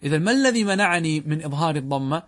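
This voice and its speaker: A man's voice: a little high, animated, racing, fairly bright tone. A man from Saudi Arabia, teaching a grammar lesson and asking his students questions. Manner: asks students questions and answers them. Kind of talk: classroom lesson explaining a text.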